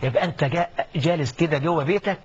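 A man preaching a colloquial sermon with an Egyptian accent, dramatic, dropping to a hush and then building to loud exclamations. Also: on the high side, fast, breathy edge. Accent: Egyptian Arabic. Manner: dramatic, swings from hushed to rising exclamations. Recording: dull lo-fi recording with faint noise.

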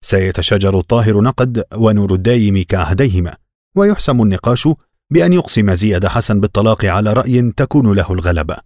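A man narrating a novel as an audiobook in a measured, even reading. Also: fairly low pitch, dry recording, studio quality.

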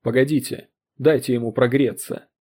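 A man's voice: medium pitch, steady tone, moderate pace, a little mellow, breathy edge, close to an everyday voice. A man voicing an intense young physicist in an audiobook reading, urgent and insistent. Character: intense young male physicist, obsessed inventor.

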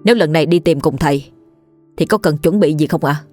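A woman voicing an uneasy young village man who asks hurried, wary questions. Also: sits low, a little mellow, faint music behind, natural voice.

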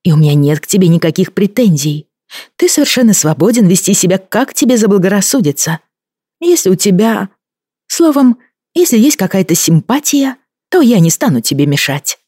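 A defiant young woman and former nurse, voiced by an audiobook reader speaks with heated indignation that flares into outright shouting. The sound is close and dry. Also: medium pitch, big pitch swings, normal speed, slightly rough, no room sound, pitched above the performer's own voice. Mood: indignant.

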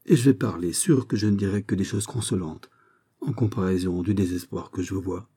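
A man's voice: sits low, a little fast, dark tone, slightly rough. A man voicing a wounded young nobleman in an audiobook, soothing and hesitant with his friend. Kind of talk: audiobook reading.

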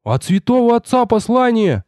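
A man voicing an excitable young male novice who shouts eagerly, pitched well above his own voice. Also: unhurried, no echo, clean studio sound, full character voice. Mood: excited.

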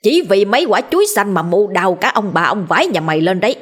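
A woman doing a gruff scolding village father. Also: mid-range voice, lively intonation, quick pace. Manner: harsh scolding, cursing.

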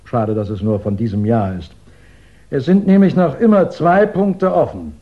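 In a 1960s German radio crime drama, a man plays a shrewd English police chief, deliberate and ironically polite, pausing as he muses. His natural, expressive voice sits at a medium pitch and sounds like it's coming over a phone. His mood is musing and triumphant.

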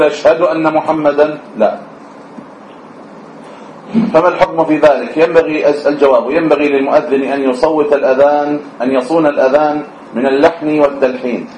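A man's voice: medium pitch, darkish tone, slight background noise. Male religious teacher, lilt, quizzes class, muffled echoey recording. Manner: sings out short examples, asks students questions. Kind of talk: classroom lesson on the call to prayer. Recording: echoey room, slightly dull sound.

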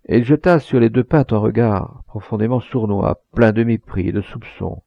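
A man narrating a literary audiobook, expressive, with occasional hesitations. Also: medium pitch, gravelly, slightly rough, no room sound. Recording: dull lo-fi recording.

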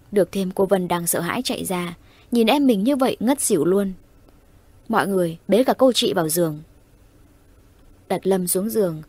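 Woman narrator, horror audio story, steady suspenseful read, mid pitch, dry close mic. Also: husky, no room sound.

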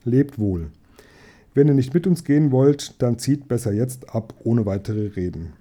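A man reading as a gruff dwarf leader. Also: medium pitch, animated, measured pace, warm tone. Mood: curt. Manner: gruff, curt. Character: gruff male dwarf leader, grim and proud.

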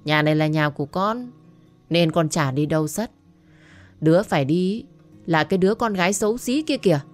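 Narrator putting on a sloppy drunk gambler son, whiny and selfish, in an audio story. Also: female voice, fairly low pitch, animated, moderate pace, faint music behind, natural voice. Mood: spiteful. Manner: slurred, whiny, demanding.

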